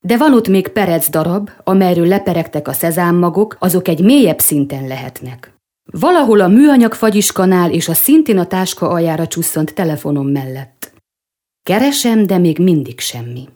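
A woman reading a first-person prose piece in a calm, measured, wry way. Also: lowish voice. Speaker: reader of a short prose piece.

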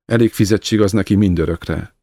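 Egy férfi, aki egy alázatos, türelmes felnőtt menyet szólaltat meg halk, engedelmes hangon. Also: male voice, sits low, no room sound. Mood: meek. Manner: quiet, submissive. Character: meek, patient grown daughter-in-law.

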